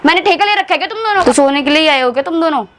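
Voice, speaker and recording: Woman, very high voice, rapid scolding; sarcastic, mocks others' words in a domestic argument skit. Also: lively intonation, a bit bright.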